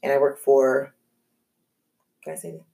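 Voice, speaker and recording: Low, gravelly woman in her forties, nervous and self-deprecating interview guest. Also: little pitch movement, unhurried, mellow. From California. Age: 40s. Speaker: podcast guest. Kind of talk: casual interview.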